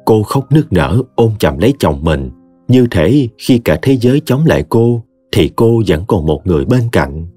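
A man narrating an audio story with an expressive, dramatic reading. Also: on the low side, normal speed, breathy edge, no echo, soft background music.

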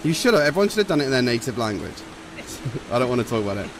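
Over game music, a man in a medium-pitched voice rambles casually while he plays on stream. He keeps turning to his chat to answer and thank viewers between moves. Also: big pitch swings, racing. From England. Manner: chatty, reads and thanks chat while playing. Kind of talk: casual live-stream commentary.

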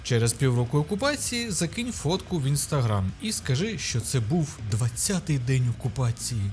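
A man's voice: mid-range voice, big pitch swings, normal speed, a little mellow, soft background music. A man with a Ukrainian accent hosting his channel, narrating a mock guide in a sarcastic, ironic tone. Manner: mocking, ironic. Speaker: YouTube host.

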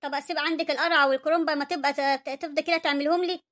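A woman voicing a poor, gentle older mother-in-law in an Egyptian cartoon story, pleading and self-effacing, with an Egyptian accent. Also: sits high, steady tone, rapid-fire.

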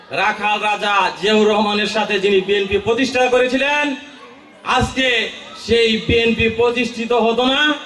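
High-pitched Bangladeshi man giving a rally speech. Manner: emphatic, declamatory, often shouting. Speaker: political party leader speaking at a rally. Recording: echoey, distant public-address sound.

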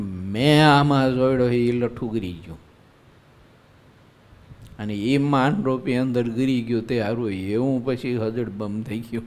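Monk preaching a conversational sermon. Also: male voice, mid-range voice, darkish tone. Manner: conversational, with rhetorical questions to the audience. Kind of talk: devotional sermon. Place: live religious gathering.

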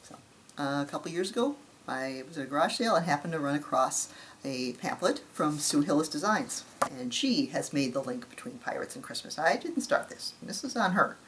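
Middle-aged lady chatting thru her craft vlog, low voice, lots of um and restarts. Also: expressive, brisk, a bit bright, slight background noise. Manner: chatty, self-deprecating, with fillers and restarts. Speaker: flosstube host. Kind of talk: casual show-and-tell vlog.

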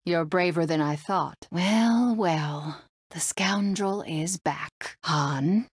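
A woman's voice: fairly low pitch, slow pace, husky, dry recording, studio quality. A woman voicing a young, fearless rebel princess for a video game, poised and commanding with a wry, courteous manner. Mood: wry, teasing. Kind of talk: video game character voice clips.

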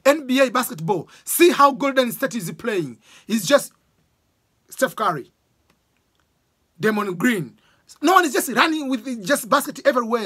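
A man in his forties from Tanzania with a Tanzanian accent, giving animated casual exam advice to a close camera in a small room. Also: very high voice, slightly rough. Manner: animated, gestures a lot, uses sports examples. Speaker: education vlogger. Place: small room with bookshelves, indoors. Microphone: camera close up, webcam framing.

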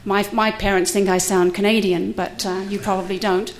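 Standing at a podium mic in a university lecture room, a middle-aged cohousing resident delivers a prepared conference talk as a panelist, candid and lightly humorous. She speaks at medium pitch in a level tone and moderate pace, with slight background noise audible.

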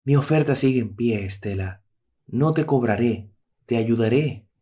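A man voicing a gentle middle-aged surgeon and father, talking softly and in a measured way in a storybook tale. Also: medium pitch, slightly rough. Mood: earnest.

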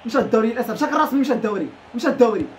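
A woman with a Moroccan Arabic accent giving live gameplay commentary. She is excitable, laughs often and shouts at the game. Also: on the high side, very fast, slight background noise. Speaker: gaming YouTuber.

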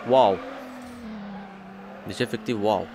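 A man playing a racing game for his channel, chatting in slangy, excitable bursts to himself and his viewers. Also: on the low side, background noise. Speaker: gaming YouTuber. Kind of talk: let's play commentary.

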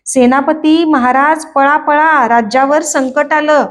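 A woman's voice: on the high side, moderate pace, darkish tone, lightly acted. A woman voicing a young boy who plays a royal minister in a children's game, speaking in a formal, ceremonious way. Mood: panicked. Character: boy acting as minister in a play court.

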